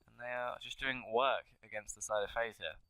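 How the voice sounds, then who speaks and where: Male analyst caster, mid-pitched, bright edge, breaks down plays and builds hype. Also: steady tone, moderate pace, smooth, low-quality recording. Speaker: esports colour commentator. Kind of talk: colour commentary.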